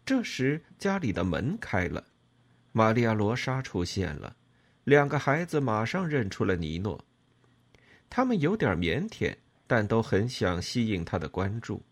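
A man narrating an audiobook in an expressive, emotional storytelling manner. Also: lowish voice, unhurried, husky.

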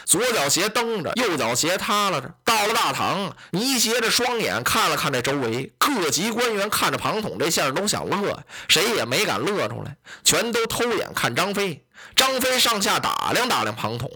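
A man telling a traditional story in a lively, colloquial, animated way. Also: high voice, normal speed, slightly rough.

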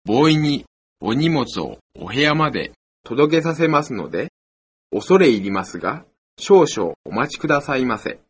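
A man's voice: mid-range voice, big pitch swings, moderate pace, husky. A man playing a courteous hotel receptionist in a scripted language lesson, speaking very formal, ultra-polite honorific Japanese. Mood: courteous, attentive. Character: courteous male hotel receptionist serving a guest. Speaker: hotel front desk clerk in a textbook dialogue.

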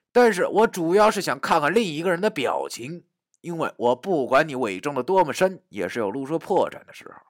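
Male narrator, animated, swinging pitch, first-person audiobook. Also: no room sound, studio quality. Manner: animated, dramatic, swings from hushed to shouting.

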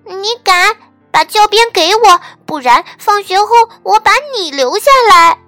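A woman voicing a stubborn, quick-tempered little girl bear cub in a storybook reading, shrill and loud when she protests. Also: expressive, no echo, faint music behind, exaggerated voice. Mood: indignant.

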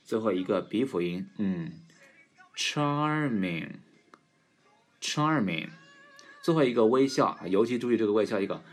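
Male pronunciation teacher, relaxed lesson, slow drawn-out example words, low voice. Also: faint music behind. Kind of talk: casual English pronunciation lesson.

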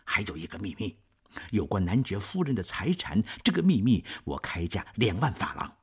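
A man voicing a scheming, greedy middle-aged swindler who speaks in a sly, low, wheedling tone in a storybook reading. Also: big pitch swings, normal speed, breathy edge, exaggerated voice.

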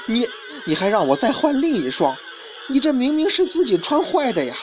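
Man playing a mustached shoe-shop owner, middle-aged, touchy, indignant, lively swings in tone. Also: high-pitched, moderate pace, noisy background. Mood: outraged. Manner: indignant, flustered outbursts.

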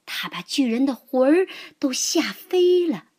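A woman narrating a children's fable in an expressive, unhurried storytelling voice. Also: sits high.

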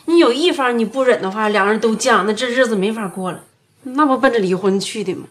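A woman's voice: on the high side, fast, natural voice. A woman playing a coaxing big sister. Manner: coaxing, lecturing. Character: motherly older-sister woman giving advice. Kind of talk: TV series acting.

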